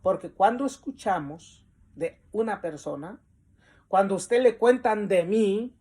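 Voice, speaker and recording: A man teaching a Bible lesson, reading definitions from the text and explaining them with pauses and the filler "este". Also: sits high, darkish tone, breathy edge.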